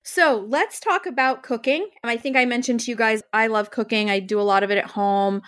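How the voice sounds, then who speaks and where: A woman with a fairly high voice hosts a podcast. She talks with an upbeat, eager energy while she promotes her work and introduces her guests. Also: a little fast, a bit bright, clear, resonant tone. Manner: upbeat, enthusiastic promotional delivery. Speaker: podcast host, interior designer. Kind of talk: podcast hosting.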